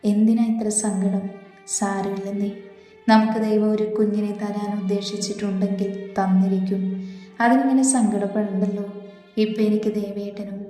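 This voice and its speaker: A woman voicing a gentle, loving young wife in a read-aloud story, speaking softly and soothingly. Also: mid-range voice, little pitch movement, moderate pace, natural voice. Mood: consoling. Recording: echoey reverberant room with faint music.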